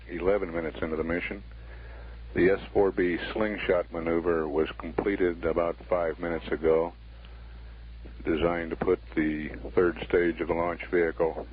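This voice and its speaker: A man giving formal spaceflight status commentary as a mission control announcer, measured, factual and deadpan. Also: sits low, husky. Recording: narrow 1960s broadcast line, faint noise.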